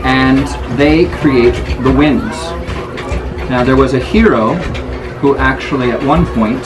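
A middle-aged man with a medium-pitched voice improvises fantasy lore as master of a fair ceremony, theatrical and mock-indignant but halting in delivery. He's in an open-sided wooden booth in the woods, captured by a camera a few steps away in a noisy, distant recording. Loud fairground noise surrounds him.

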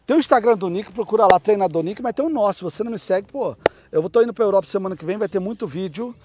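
A man's voice: high-pitched, very fast, noisy background. A man hosting a casual dog vlog, chatting loosely and barking short commands at a dog. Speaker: dog breeder, channel host. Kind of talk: casual chat and dog training outdoors.

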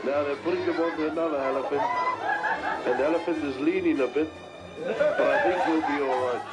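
A man's voice: on the high side, fairly quick, over loud music, a loud crowd, low-quality recording. A man chuckling as he commentates over home movies. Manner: amused, chuckling.

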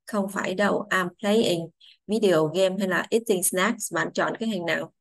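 A woman's voice: lowish voice, no room sound. Woman teaching children. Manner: patient, repeats English phrases slowly, then translates. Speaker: English teacher. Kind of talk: explaining grammar to children.

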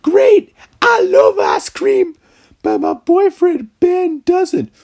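A perky young woman customer in a cafe game, chirping in a squeaky falsetto, as a man puts her on. Her sing-song voice is loud and sugary, with lively swings in pitch. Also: very slow, exaggerated voice. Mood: chirpy.

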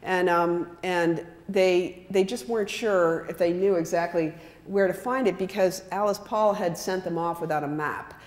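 A woman in her sixties gives a relaxed, chatty slide talk, holding a microphone and gesturing as she speaks. Her voice sits a little low, with fillers and restarts throughout. The sound carries a long hall reverb. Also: unhurried, hardly any pauses. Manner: conversational, animated with hand gestures, many fillers. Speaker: author giving a talk. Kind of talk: illustrated public talk. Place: large hall with wooden floor. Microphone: handheld microphone.

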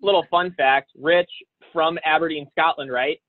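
A man's voice: a little high, steady tone, normal speed, no room sound. A man hosting a casual chat show, joking and laughing as he rambles. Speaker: host. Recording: dry, tinny phone-like sound.

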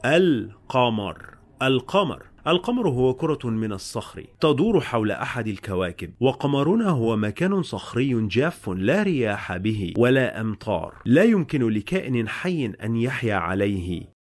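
A man with an Egyptian Arabic accent teaching reading, sounding out syllables slowly and repeating each word several times, explaining in two languages. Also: medium pitch, big pitch swings. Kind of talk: slow syllable-by-syllable reading lesson.

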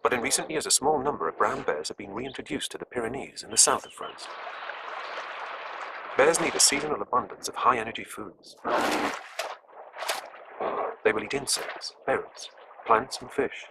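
A man with a British accent narrating a scripted nature documentary with measured, deliberate phrasing. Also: medium pitch, animated, background noise. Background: music.

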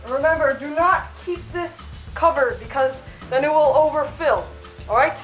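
Cooking in a fursuit in her home kitchen, a channel host with a high voice runs a jokey, chatty, mock-instructional tutorial at normal speed. The costume head muffles her a bit, the room echoes, and soft music plays beneath.

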